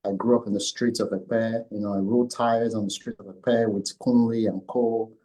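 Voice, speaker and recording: A man with a fairly low voice talks through interview questions as the firm's founder. He stops and starts often, leaning on fillers and repeating himself as he gathers his thoughts. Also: flat delivery, moderate pace, warm tone, low-quality recording. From Nigeria. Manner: hesitant, many fillers and restarts. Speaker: company founder and CEO, guest. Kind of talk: conversational interview answers.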